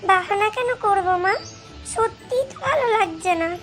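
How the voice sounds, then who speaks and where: A woman's voice: very high voice, expressive, normal speed, fairly bright tone. A woman voicing a cheeky, sulky little girl in a cartoon, whining and fake crying. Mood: pleading. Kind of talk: Bengali cartoon voice acting. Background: background music.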